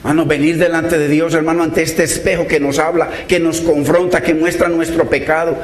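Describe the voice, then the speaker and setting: A man preaches a sermon in a high voice. He sounds earnest and pleading, and keeps calling out to his brothers in faith. His voice rings around an echoey room. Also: flat delivery, fairly quick. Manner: earnest, pleading, repeats "hermano" often.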